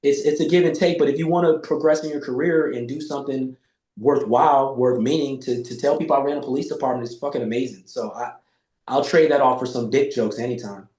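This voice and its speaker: Talking fast in a steady, medium-pitched voice with a slightly mellow quality, a man in his 40s guesting on a podcast spins loose, profane tales. He acts out the quoted lines, and the room gives the audio a noticeable echo.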